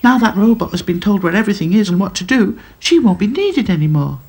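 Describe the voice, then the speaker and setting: A man voicing a soft-hearted young rag doll girl in a high voice. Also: lively intonation, fast talker, slightly rough, exaggerated voice.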